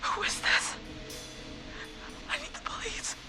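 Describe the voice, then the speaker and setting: A woman's voice: takes it slowly, loud music behind the voice. An actress voicing a terrified teenage girl who whispers breathlessly over a phone line while hiding from a killer. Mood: urgent. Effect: heard over a phone line. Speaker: caller.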